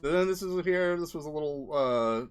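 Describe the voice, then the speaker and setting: His voice is on the high side, clear and resonant, animated at a moderate pace, with faint music in the background. An indie game developer, he gives casual screen-share commentary on his experiments, rambling and thinking out loud.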